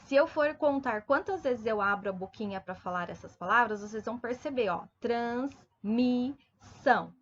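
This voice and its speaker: A woman teaching a primary school video lesson, patiently addressing children and sounding out words slowly, syllable by syllable. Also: a little high, fairly bright tone, dull audio. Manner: slow, deliberate syllable-by-syllable enunciation.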